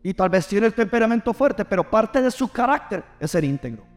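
A man's voice: sits high, sing-song, fairly quick, soft background music. A middle-aged man, preaching a sermon and drawing call-and-response from the congregation. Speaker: pastor.

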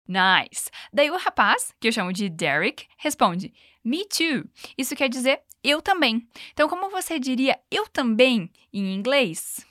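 A woman hosts a podcast language lesson. Her voice is bright and raised a little in pitch, and she sounds playful and upbeat. The recording is dry and close, with no room sound. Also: sing-song, no echo. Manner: upbeat, playful, switches between Portuguese and slow English examples. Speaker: English teacher and podcast host.

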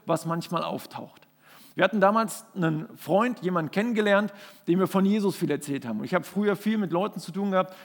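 A man's voice: high voice, in a large hall. A man preaching a sermon, telling a personal story in an earnest, conversational way and often restarting his sentences.

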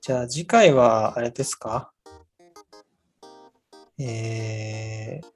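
Soft, breathy-voiced man chatting casually. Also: drawn-out words. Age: 30s. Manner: rambling, many fillers, soft and low-key. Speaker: podcast co-host. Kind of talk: casual chat. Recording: faint music underneath.

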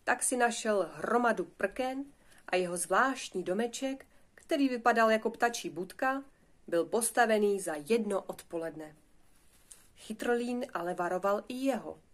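A woman reading a children's fairy tale aloud in a lively, expressive way. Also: fairly high pitch. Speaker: storyteller. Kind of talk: storybook reading.

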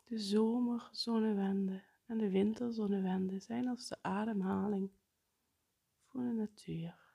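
A woman guiding a breathing meditation in a soft, partly whispered, unhurried way. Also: medium pitch, steady tone, vocal fry, husky. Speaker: meditation guide.

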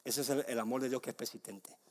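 A young adult man preaching a sermon, moving between loud emphatic declarations and soft hushed passages. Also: mid-range voice, steady tone, fast talker. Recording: long hall reverb.

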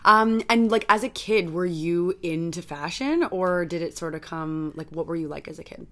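A woman's voice: fairly low pitch, animated, moderate pace. A woman hosting an interview podcast, upbeat and friendly, asking questions with plenty of "um" and "like". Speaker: podcast host. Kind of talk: casual interview.

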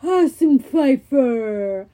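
Woman doing a loud bellowing cyclops. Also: high voice, lively intonation, extremely slow, exaggerated voice. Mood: gruff bellowing. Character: huge brutish male cyclops shepherd.

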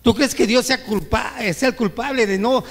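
At a moderate pace and with an extremely high pitch, a male pastor delivers a sermon in a church whose hall rings with reverb. Rhetorical questions fly at the congregation, and he performs whiny protests to God.

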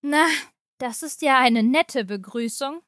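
A woman's voice: sits high, expressive, a little slow, a bit bright, no echo, studio quality. A woman reading as a pushy, irritable mother-in-law. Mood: irritated, pushy. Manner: pushy, indignant. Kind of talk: audiobook reading of a short story.

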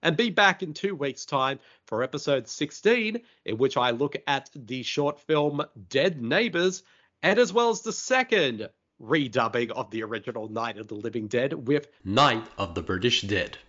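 A man's voice: medium pitch, lively intonation, moderate pace, fairly bright tone. A man hosting a podcast, chatting casually with many fillers. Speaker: podcast host. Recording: dull lo-fi podcast audio.

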